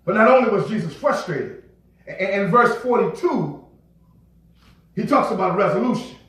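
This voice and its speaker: Male preacher, high-pitched, emphatic sermon with call-and-response, roomy distant church sound. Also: animated, normal speed. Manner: emphatic, builds to shouting, repeats words, call and response. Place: church sanctuary. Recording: echoey hall, from a distance.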